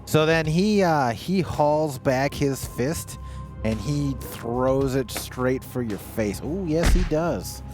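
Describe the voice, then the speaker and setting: A man's voice: medium pitch, expressive, takes it slowly, over music. A man acting as game master, narrating a tabletop game in a casual, conversational way with vivid descriptions of blows.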